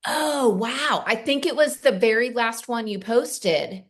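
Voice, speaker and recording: A woman co-hosting a casual talk show, animated and quick to swear, often quoting her own thoughts aloud. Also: a little high. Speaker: co-host. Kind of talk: casual chat.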